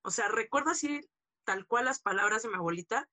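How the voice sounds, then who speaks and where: Bright-voiced woman telling her story. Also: a little high, animated, fairly quick, no room sound. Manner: candid, full of fillers and tag questions. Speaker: interview guest. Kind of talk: personal storytelling in conversation.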